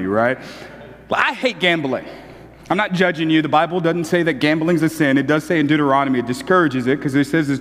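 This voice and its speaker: A man preaching a sermon as a pastor, telling a funny story and rising to loud fervor. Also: a little high. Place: church. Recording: long hall reverb.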